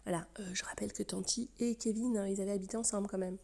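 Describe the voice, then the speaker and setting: Chatty woman, low mellow voice. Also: steady tone, rapid-fire, vocal fry. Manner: chatty, teasing asides, drops to whispers. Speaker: gossip commentator. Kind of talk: casual gossip commentary.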